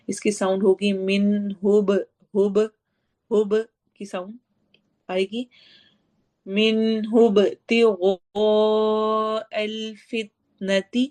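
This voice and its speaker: A woman teaching a tajweed lesson to her students. She explains recitation rules, asks and answers her own questions, and slowly draws out Arabic words to demonstrate them. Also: mid-range voice, darkish tone. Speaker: Quran teacher.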